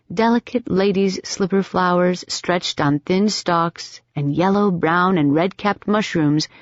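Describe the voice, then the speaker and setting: A woman narrating an audiobook in an even, steady storytelling manner. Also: on the low side, no echo. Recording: dull, dry audiobook recording.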